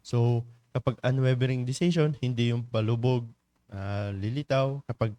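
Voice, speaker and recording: A man's voice: mid-range voice, moderate pace, warm tone, no echo. A man with a Filipino accent leading a morning church devotion in a conversational way, often asking the listeners questions and teasing them. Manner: conversational, teasing the congregation, many tag questions. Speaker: devotion leader.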